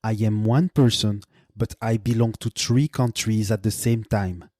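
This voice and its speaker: A man in his late thirties from Belgium, a native French speaker with a Belgian French accent, hosting a solo podcast in a measured way with frequent fillers and restarts. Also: on the low side, fairly even intonation, mellow, no echo, studio quality. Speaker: podcast host.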